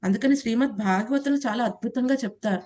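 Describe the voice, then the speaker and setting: Brief: woman scripture teacher, fairly high voice, chatty lecture style, questions the class. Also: fast talker, darkish tone. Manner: conversational, asks the class questions, laughs, acts out quotes. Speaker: Gita teacher.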